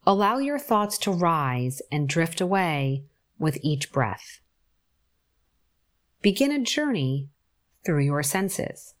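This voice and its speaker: Slow, gentle woman guiding a meditation. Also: deep voice. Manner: calm, gentle instructions with long pauses. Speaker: forest bathing guide. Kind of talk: guided meditation narration.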